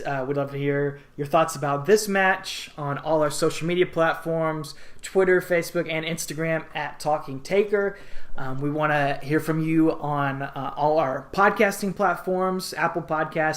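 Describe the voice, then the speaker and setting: A man's voice: on the high side, fairly bright tone. A man co-hosting a podcast in casual chat, upbeat and reading out plugs with lots of filler words. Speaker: podcast co-host.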